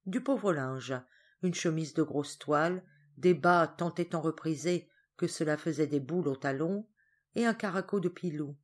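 A woman reading a short story aloud as an audiobook narrator, in a measured and expressive way. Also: low-pitched. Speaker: audiobook reader. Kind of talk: scripted narration.

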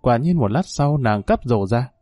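A man reading a story aloud in steady, scripted narration. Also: medium pitch, moderate pace, no room sound, studio quality. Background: faint music.

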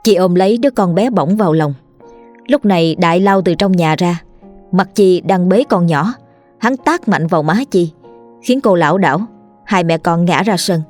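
A woman narrating a ghost story in a slow, sorrowful storytelling manner. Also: on the low side, a little mellow, soft background music.

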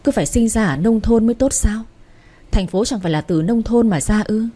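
Woman narrator, scripted novel reading, steady, husky, mellow. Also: mid-range voice, brisk. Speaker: audiobook narrator.

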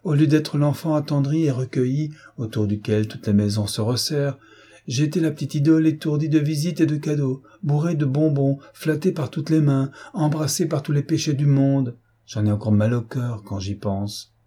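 A bitter, reproachful young man, as a male narrator reads him, impassioned and accusing. The tone is mellow and husky rather than bright. A novel read aloud as drama. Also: on the high side, moderate pace, voice pushed up. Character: embittered young man accusing his parents.

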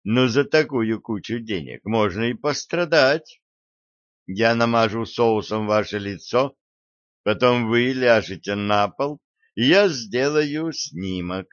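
Man reading Archer, a slow calm schemer. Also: medium pitch, no room sound, lo-fi sound. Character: bitter male schemer Archer, calm and smiling.

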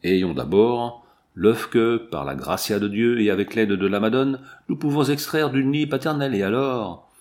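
A man's voice: lowish voice, lively intonation, normal speed, darkish tone, close to an everyday voice. A man voicing a mocking, cruel male bandit chief who taunts with facetious jokes. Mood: scornful.

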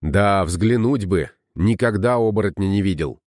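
A man reading an audiobook, voicing a blind, wounded swordsman who talks gruffly and bluntly. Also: lowish voice, normal speed, darkish tone, no room sound, studio quality, natural voice.

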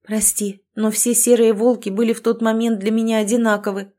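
A woman's voice: fairly high pitch, level tone, fairly quick, mellow, natural voice. A woman voicing a fierce, emotional young werewolf woman in an audiobook, speaking in an agitated, raised tone. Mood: shaken.

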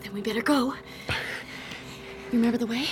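An actress playing a brave, sharp-tongued young princess in a radio drama, quick and decisive. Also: female voice, a little high, music in the background, natural voice. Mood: hushed.

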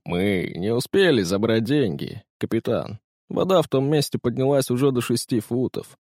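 A male narrator voicing a pirate mate giving a hurried, matter-of-fact report. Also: medium pitch, expressive, a little mellow, no echo, clean studio sound, natural voice. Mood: urgent.

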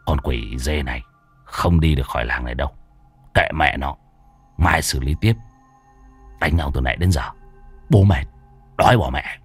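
A man's voice: rumbling low, normal speed, pauses often, breathy edge, faint music behind, voice pushed down, exaggerated voice. A man voicing a coarse, grumbling old male exorcist, swearing bluntly. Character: gruff, crude, hungry old male exorcist.

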